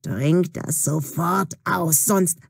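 A woman putting on a slow, toothless old witch. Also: gravelly, husky, no echo, studio quality, full character voice. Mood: threatening. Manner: slow, low and drawn-out.

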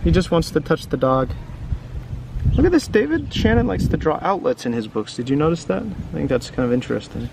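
Brisk and very animated, this man's slightly high voice has vocal fry as he reads aloud to children in an informal, chatty way. The children's book reader and teacher frequently throws questions and tag questions at the listener over a noisy background.

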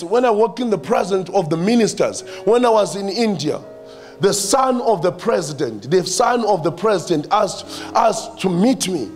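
High-voiced emphatic South African preacher. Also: male voice. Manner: emphatic, repeats phrases, calls out to church. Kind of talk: sermon.

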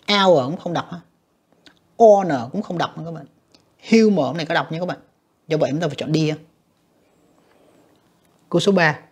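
A man walks students through an exam in a slightly husky voice, repeating himself and calling to the class often. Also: a little high. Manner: repetitive, addresses students directly with many fillers. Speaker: English teacher. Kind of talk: exam walkthrough lesson.

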